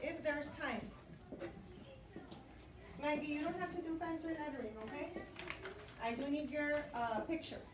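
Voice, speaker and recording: Really high voiced lady teacher talking to little kids, lots of questions, echoey noisy classroom. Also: steady tone, a little slow, long pauses. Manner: prompting with questions and repeated instructions. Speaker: elementary school teacher. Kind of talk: classroom instruction to young children. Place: indoor school classroom. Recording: roomy, distant classroom recording with clear noise.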